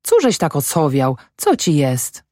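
A fierce peasant farm wife, as a woman narrator puts her on, scolding and berating with a voice that keeps climbing in outrage. Her tone sits low and dark beneath the shouting, and the audiobook recording is close and dry. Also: huge pitch swings, a little slow, no echo, exaggerated voice. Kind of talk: audiobook character voice.

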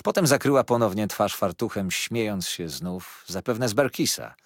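Expressive male audiobook narrator, husky. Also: lowish voice, normal speed, no room sound, clean studio sound. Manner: expressive, lively reading.

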